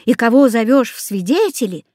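A woman's voice: on the high side, sing-song, normal speed, warm tone, no room sound, studio quality. A woman reading the lines of a stern, scolding father in a storybook. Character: stern strict father, middle-aged man.

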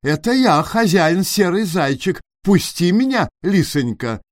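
Weepy little storybook hare, voiced by a man: high, plaintive, pleading. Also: big pitch swings, a little slow, no room sound, studio quality.

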